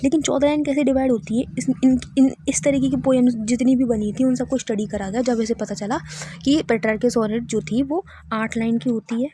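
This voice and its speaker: A woman's voice: a little high, steady tone, brisk, mellow, breathy edge. Woman teaching a literature lesson. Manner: checks in with listeners often, repeats key terms.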